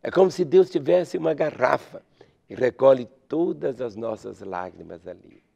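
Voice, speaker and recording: A man preaching a radio sermon, swinging between loud fervent pleading and hushed, almost whispered lines. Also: medium pitch, lively intonation, moderate pace, gravelly. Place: radio studio.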